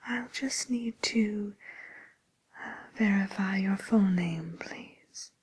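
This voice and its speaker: Whispering softly and hesitantly, with a breathy quality, a woman plays the courteous, attentive front-desk receptionist of a fairy-tale dating agency for ASMR. Her pitch is medium and her pace slow.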